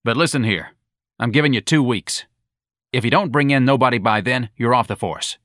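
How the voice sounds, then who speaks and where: A man voicing an irritable, bullying police sergeant who shouts at a subordinate, in a read-aloud story. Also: mid-range voice, normal speed, dry recording, studio quality, voice pushed up, close to an everyday voice. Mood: gruff. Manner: gruff, shouting.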